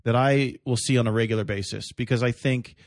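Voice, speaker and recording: Male co-host, chill bro delivery, mid pitch, blunt casual banter, dry studio-close sound. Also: fairly even intonation, brisk, dry recording. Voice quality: laid-back bro-like voice. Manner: blunt, sweary. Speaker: podcast co-host.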